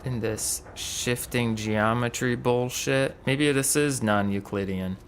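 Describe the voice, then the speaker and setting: A man's voice: mid-range voice, steady tone, takes it slowly, slight background noise. A man giving casual gameplay commentary with dry, sarcastic asides. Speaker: let's play streamer.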